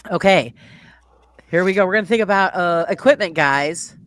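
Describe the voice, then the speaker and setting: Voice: medium pitch, fairly bright tone, dry recording. A quiz host chatting casually on a live stream over a video call, rambling and hedging with a hesitant, chatty manner.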